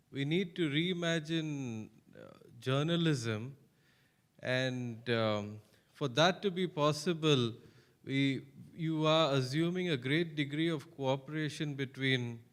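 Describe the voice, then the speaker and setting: A man with a fairly high voice questions a panel. He sounds skeptical and works his point out aloud as he speaks. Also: a bit bright. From India. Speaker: journalist asking a question.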